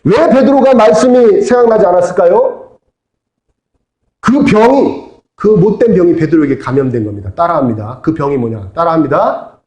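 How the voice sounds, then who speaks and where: In a church sanctuary, a male pastor preaches a sermon, asking his congregation to repeat after him and answer back. His high voice is mellow and expressive, at a normal pace. The hall is echoey.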